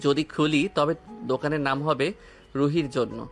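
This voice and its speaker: Soft music plays beneath a man acting as a young husband in a romance audio drama, his delivery warm, affectionate and teasing. The pitch sits a little high, the tone stays steady, and his creaky voice moves at an unhurried pace.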